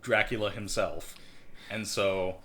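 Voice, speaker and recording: A man's voice: lowish voice, steady tone, takes it slowly, fairly bright tone, slight background noise. A man co-hosting a casual movie-review podcast, rambling and sarcastic with lots of fillers. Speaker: podcast co-host.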